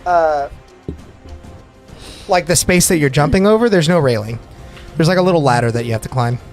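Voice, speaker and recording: A man's voice: fairly high pitch, moderate pace. A man acting as game master, narrating a tabletop game in a conversational way. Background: background music.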